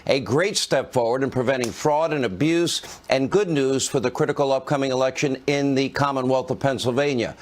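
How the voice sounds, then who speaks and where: A man opening a cable news show, announcing stories in a brisk, emphatic way. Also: medium pitch, a little hiss or hum. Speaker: TV host.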